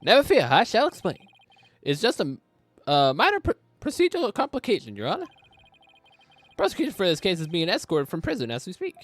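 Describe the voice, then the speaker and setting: A man playing a pompous, shrill prosecutor. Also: wildly swooping pitch, fairly quick, faint music behind, full character voice.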